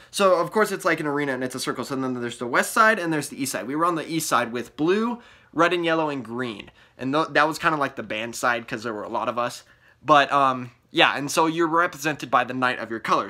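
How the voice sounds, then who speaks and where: Excitable young man rambling a recap. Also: a little high. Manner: excited, rambling storytelling with many fillers and restarts. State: losing his voice from yelling. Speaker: vlogger. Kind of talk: casual recap of a trip.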